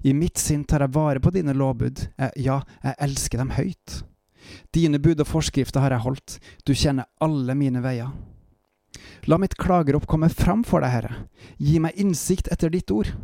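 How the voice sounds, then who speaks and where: A man reading psalm verses aloud in a calm, measured way, stopping now and then for short devotional reflections. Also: a little high, no echo, clean studio sound. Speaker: Bible reader and preacher. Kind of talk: Bible reading with devotional commentary.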